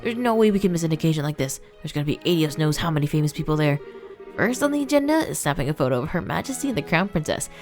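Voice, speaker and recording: A woman's voice: deep voice, big pitch swings, a little mellow, faint music behind. Woman doing a bossy young male reporter. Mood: scolding. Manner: bossy, scolding, hurried.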